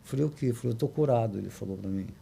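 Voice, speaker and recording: Older Brazilian man, guest storyteller; low gravelly tone, halting delivery with frequent tag questions. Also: warm tone, slight background noise. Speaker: podcast guest. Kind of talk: emotional personal storytelling.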